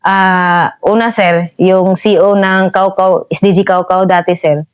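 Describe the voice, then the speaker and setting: A woman's voice: on the low side, steady tone, a little slow, clean tone. This is a woman soldier recounting her field operations to a superior officer. She speaks in short, deferential bursts and tags nearly every phrase with a respectful "sir.". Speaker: army corporal telling her combat story. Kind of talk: interview storytelling.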